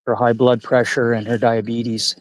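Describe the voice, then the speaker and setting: Canadian man in his 40s, live-stream hiking vlogger, rambling profane chatter, dry close sound, mid pitch. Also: little pitch movement, moderate pace, dry recording, rough recording. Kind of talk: casual live-stream chat while hiking. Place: outdoors on a forest trail.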